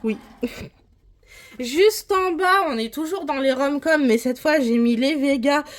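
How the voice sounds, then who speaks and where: A woman's voice: sits high, measured pace. A woman from France giving a casual, rambling tour of her manga collection, with frequent hesitations.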